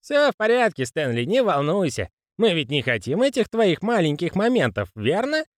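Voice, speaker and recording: A man's voice: sits high, huge pitch swings, normal speed, no room sound, clean studio sound, pitched above the performer's own voice. A man voicing a fussy, anxious old male postman in an audiobook reading. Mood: soothing.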